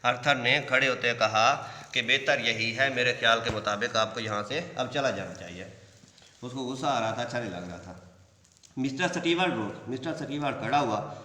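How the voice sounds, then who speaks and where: Man, English teacher, very bright tense voice, long reverb, slow English read-outs. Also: mid-range voice. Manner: reads English lines slowly, then explains in Urdu. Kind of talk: line-by-line story translation lesson. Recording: echoey room with long reverb.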